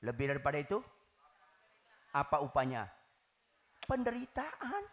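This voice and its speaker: A male pastor preaching a sermon to a congregation in a lively, teasing way, often shouting the punchlines. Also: a little high, moderate pace. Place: church hall.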